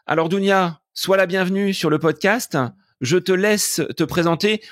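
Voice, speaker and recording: A man's voice: high voice, fairly even intonation, moderate pace, a bit bright, no room sound, studio quality. A man hosting a running podcast, asking formal, structured questions. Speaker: podcast host. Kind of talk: podcast interview.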